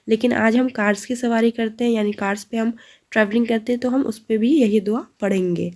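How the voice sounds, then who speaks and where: A woman teaching children Islamic supplications, reciting Arabic slowly and explaining in with English words mixed in. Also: fairly high pitch, steady tone, darkish tone. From India. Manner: mixes English into Urdu, reads Arabic slowly and deliberately. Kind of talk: slow, patient dua lesson, recites and translates.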